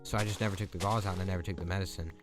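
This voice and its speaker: Young guy, really low voice, chatty rambling story while gaming, music playing behind. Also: steady tone, racing. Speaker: gaming channel host. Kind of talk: casual storytelling over gameplay. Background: background music.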